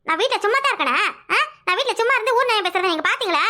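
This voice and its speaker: A woman voicing a fiery, quarrelsome young wife in a cartoon, scolding quickly and repeating her lines. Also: very high-pitched, lively intonation, sharp tone, exaggerated voice. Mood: angry, scolding. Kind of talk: cartoon voice acting.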